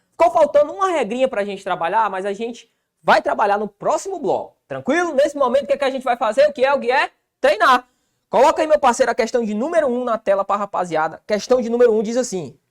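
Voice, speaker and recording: A man with a Brazilian accent teaching an exam-prep grammar lesson, colloquial and answering his own rhetorical questions. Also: extremely high pitch. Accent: Brazilian Portuguese.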